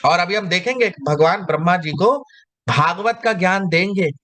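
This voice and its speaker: A man giving a scripture lecture, chanting verses slowly and then explaining them line by line. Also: sits high, fairly bright tone. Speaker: spiritual teacher.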